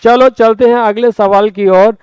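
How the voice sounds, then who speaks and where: A man teaching a spoken exam-prep Hindi lesson, lively, stretching words out and calling his students friends, with a Rajasthani Hindi accent. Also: high-pitched, unhurried, clear, resonant tone, no room sound, low-quality recording. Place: classroom or studio.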